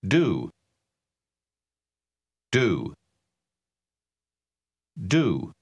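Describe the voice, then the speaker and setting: A man modeling words for a pronunciation drill, saying each syllable in a slow, deliberate, exaggerated way. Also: fairly low pitch, wildly swooping pitch, breathy edge. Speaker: native English model speaker.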